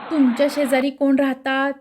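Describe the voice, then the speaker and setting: A woman's voice: high voice, flat delivery, normal speed, darkish tone, slight background noise, natural voice. Woman reading as bossy young inspector. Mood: stern. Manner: questioning sharply. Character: young male CID inspector, brisk and bossy.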